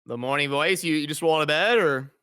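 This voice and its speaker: A man's voice: a little high, brisk, bright, forceful tone, clean tone. A man hosting a casual conversational debate, often repeating words as he gets his point out. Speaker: streamer hosting a debate, content creator.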